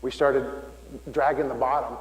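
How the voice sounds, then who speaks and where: A middle-aged man gives a homily in a relaxed, storytelling way, often stopping to restart a phrase. His voice sits at an ordinary pitch for a man. The church around him is roomy, with a long reverb trailing each sentence. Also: moderate pace. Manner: folksy storytelling with frequent restarts. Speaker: deacon.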